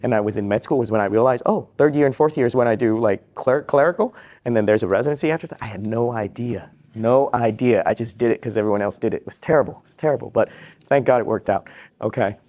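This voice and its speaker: A man's voice: mid-range voice, fast, a little mellow. A man from Vietnam who works as a psychiatrist, giving a live question-and-answer talk to students, upbeat and joking, repeating each question back.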